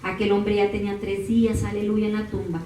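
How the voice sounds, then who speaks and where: A woman preaching a sermon, moving from calm teaching to high, impassioned crying out. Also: fairly quick, a little hiss or hum. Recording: echoey room from far off.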